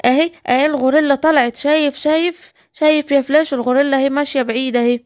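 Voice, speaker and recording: A woman's voice: high-pitched, steady tone, racing, darkish tone, natural voice. A woman with an Egyptian accent voicing a timid, worried young lion cub. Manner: anxious, calling out.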